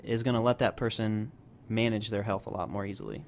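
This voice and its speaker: A man speaking as a health practitioner guest on a radio show, explaining at length and patiently with many pauses. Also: on the low side, fairly even intonation, a little mellow. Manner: explanatory, many fillers and restarts. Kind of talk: radio interview.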